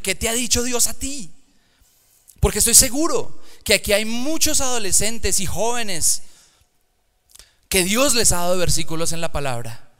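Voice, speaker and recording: A man preaching a lively sermon to young people in a church, swinging from hushed, slow words to loud, emphatic calls. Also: high-pitched. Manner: dynamic, swings from hushed to shouting. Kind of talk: sermon to youth.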